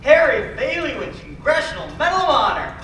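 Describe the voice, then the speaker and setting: A young man playing a flustered, absent-minded older uncle with a halting, theatrical delivery in an old-fashioned radio play. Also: very high voice, sing-song. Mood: gloating, jolly. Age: young adult. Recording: echoey live stage, far mic, faint music.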